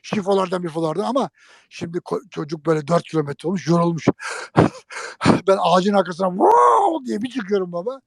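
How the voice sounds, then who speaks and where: Guy with a high gravelly voice, jokey lively storyteller, dry close sound. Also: a little fast, dry recording. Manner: lively, jokey storytelling, addresses listeners directly. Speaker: guest telling an old prank story. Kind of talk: animated anecdote in an interview.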